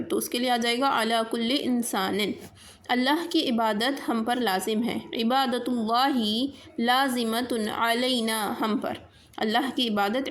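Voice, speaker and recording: A woman teaching an Arabic lesson, reading phrases slowly and explaining them in quicker asides. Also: fairly high pitch. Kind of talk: classroom lesson explaining grammar exercises.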